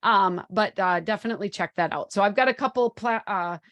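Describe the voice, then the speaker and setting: A woman's voice: medium pitch, fairly quick, a bit bright, no echo. A woman in her forties presenting a live webinar in an upbeat, chatty way, with plenty of ums, speaking into a computer microphone. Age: 40s. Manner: upbeat, chatty, many fillers.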